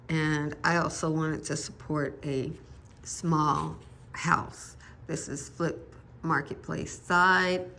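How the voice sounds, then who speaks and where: A woman's voice: deep voice, vocal fry, a bit bright, slight background noise. An older woman chatting casually about her garden seeds in a folksy way, with religious asides. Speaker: gardening vlogger. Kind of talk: casual chat.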